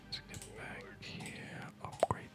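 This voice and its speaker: In this ASMR clip, the speaker whispers breathily while narrating their own video game session, unhurried and thinking softly aloud. Music runs underneath.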